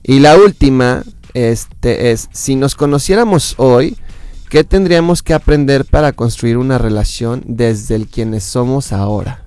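Calm Mexican man explaining patiently. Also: mid-range voice, unhurried, clear, resonant tone, dry recording. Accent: Mexican Spanish. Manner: calm, explaining with examples, many fillers. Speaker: couples therapist guest. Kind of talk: explanatory casual chat.

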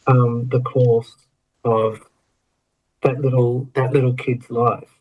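A man's voice: medium pitch, level tone, takes it slowly, darkish tone, poor audio. A middle-aged Australian man, a guest in a casual interview, telling his story reflectively with a laugh now and then. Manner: reflective, laughing, many restarts.

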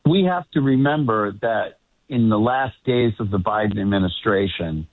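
A man's voice: fairly low pitch, normal speed, no room sound. A middle-aged man with a faded Boston accent, chatting casually and a little hesitantly as a correspondent on a radio show. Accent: Boston, fading. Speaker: Washington correspondent, guest caller. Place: remote link to a radio show. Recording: tinny, band-limited remote line.

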